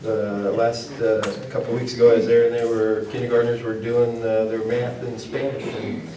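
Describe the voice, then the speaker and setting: A man with a mellow, darkish voice gives halting remarks at a board meeting, doubling back on his words. He is picked up from a distance in a roomy space. A faint hiss sits underneath. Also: mid-range voice, flat delivery. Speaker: school administrator. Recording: echoey room, mic far off.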